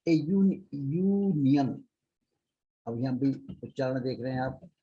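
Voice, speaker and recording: A man's voice: medium pitch, lively intonation, muffled recording. An older man from India with an Indian accent, teaching English grammar in a classroom lesson, explaining patiently and stretching out his example sentences. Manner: slow, explanatory, repeats example sentences with drawn-out emphasis.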